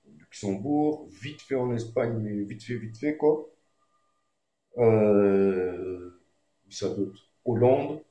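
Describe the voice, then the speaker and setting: A man who sings reggae and does comedy tells a story in a relaxed, slangy way, with fillers everywhere. His voice sits on the low side. The sound is roomy and echoey. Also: lo-fi sound. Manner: laid-back, slangy, frequent fillers. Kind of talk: casual storytelling.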